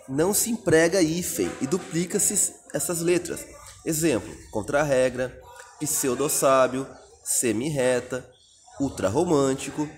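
A Brazilian man teaching a recorded exam-prep lesson, reading out answer options and explaining each one step by step. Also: a little high. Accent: Brazilian Portuguese.

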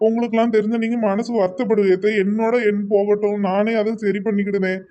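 A defensive young husband in a cartoon family drama, voiced by a performer. His mid-pitched voice talks fast and brushes the questions off. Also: level tone, dark tone, highs cut off, slight background noise, natural voice. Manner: quick, defensive, dismissive.

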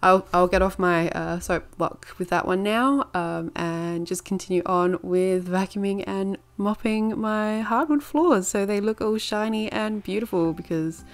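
A woman's voice: medium pitch, unhurried, few pauses. A woman narrating her home cleaning video in a casual, chatty voice-over, rambling a little with filler words.

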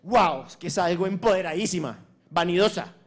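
A Colombian man gives a motivational conference talk from the stage of a launch event, hammering his points home repeatedly and using crude slang. He speaks at a normal speed in a high, expressive voice.

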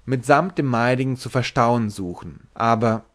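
A man's voice: mid-range voice, moderate pace, a bit bright, lightly acted. A man voicing a short, drunken sailor who is brash, giggly and rambling.

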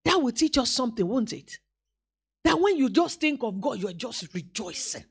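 A woman preaches a live sermon in a church, her high voice swooping widely as she goes. She acts out little scenes and calls out to the congregation, animated throughout. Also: normal speed, breathy edge. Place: church hall.

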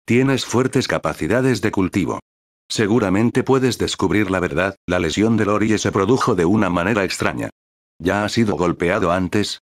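A man's voice: sits low, moderate pace, natural voice. A man voicing a smiling, embarrassed male steward who tries to placate. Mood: placating. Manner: apologetic, placating.

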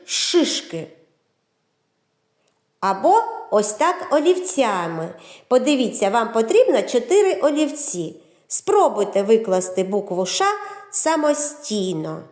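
A woman's voice: fairly high pitch, a little mellow, echoey room. A woman kindergarten teacher with a Ukrainian accent, giving a children's literacy lesson and speaking directly to the kids. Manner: slow, sing-song, addresses children directly.

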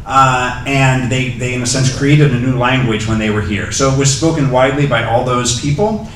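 At the podium of a lecture hall, a middle-aged man serving as guest lecturer takes audience questions through a handheld mic, his answers tentative and riddled with ums and restarts. Pitch is medium, delivery steady and moderately paced, tone fairly bright. Echoey hall audio captured from a distance carries slight background noise.

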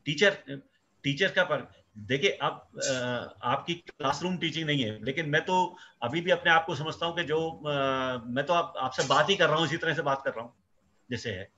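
A man's voice: on the high side, moderate pace, sharp tone, a little hiss or hum. A male microbiology professor explaining at length in an interview, emphatic and mixing in English phrases. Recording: dull lo-fi sound.

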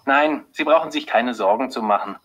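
A man reading an audiobook, voicing a composed, earnest female lab doctor who delivers hard news calmly and hesitantly, with a husky voice. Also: mid-range voice, normal speed, noisy background, voice pushed up, close to an everyday voice. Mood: reassuring. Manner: calm, earnest, hesitant when giving bad news. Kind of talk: audiobook character voice.

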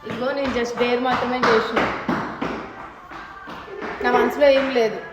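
A woman's voice: a little high, flat delivery, measured pace, highs cut off, loud music behind the voice. Teasing woman in a very echoey room. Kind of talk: improvised comedy skit. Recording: very echoey room with background noise.

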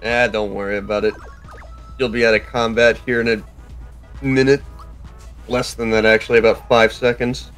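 A man does casual gaming commentary with faint music behind him. He talks like a coach, giving instructions and advice, and swears freely in a medium-pitched voice. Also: flat delivery, normal speed, long pauses, a bit bright. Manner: instructive, advising. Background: video game music.

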